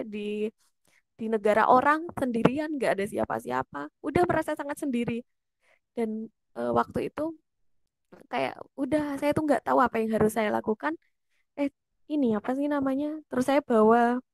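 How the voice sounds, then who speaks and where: A woman gives a personal story as a talk, her voice high and edged with fry. She speaks earnestly and emotionally, often stopping to hunt for words, and the sound is dry with no room echo. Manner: hesitant, with many fillers and restarts. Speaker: guest speaker at a women's study session.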